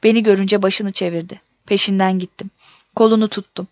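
A woman's voice: medium pitch, level tone, a little fast, no room sound. Woman narrating a story, dull dry sound. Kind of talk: audiobook narration.

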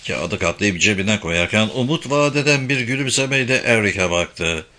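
A man narrating a novel as an audiobook with expressive, animated reading. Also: on the low side, normal speed. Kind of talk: scripted narration.

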